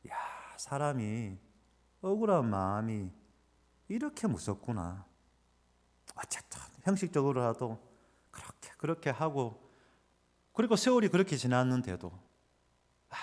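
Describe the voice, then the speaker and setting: A male pastor preaches in a church sanctuary, telling a story with lively, wide-ranging inflection. His voice rings with the long reverb of the hall, and he acts out the quoted lines as he goes. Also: medium pitch. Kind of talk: sermon with personal story.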